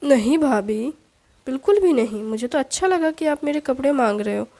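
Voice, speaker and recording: A woman's voice: sits high, expressive, normal speed, warm tone. A woman voicing a cheerful young sister-in-law who chats eagerly. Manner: eager, chatty.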